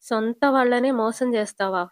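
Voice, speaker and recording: A woman's voice: a little high, normal speed, no room sound, clean studio sound, lightly acted. Woman acting out a raging young husband. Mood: furious. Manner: threatening, shouting, repeating demands. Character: angry young husband confronting a cheat.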